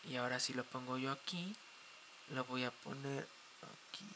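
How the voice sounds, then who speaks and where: A young man with a Mexican accent chats playfully on a live stream, dramatic and swearing freely. His voice is medium-pitched, he talks at a moderate pace, and there is background noise.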